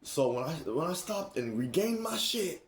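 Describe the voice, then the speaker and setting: Animated man telling stories, roomy sound. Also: on the high side, normal speed. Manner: animated, laughing, acts out quoted speech. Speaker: streamer and host. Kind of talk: casual storytelling chat. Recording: roomy echo.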